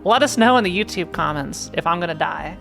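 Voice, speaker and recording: A woman's voice: lowish voice, lively intonation, fairly quick, creaky, fairly bright tone, faint music behind. A woman streamer chatting casually with her viewers while playing a game, rambling and answering chat.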